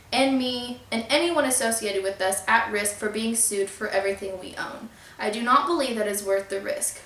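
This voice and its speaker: A woman's voice: fairly high pitch, fairly bright tone. A young woman vlogger telling a storytime about her landlord and reading out emails in an earnest, upset but polite way. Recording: echoey room.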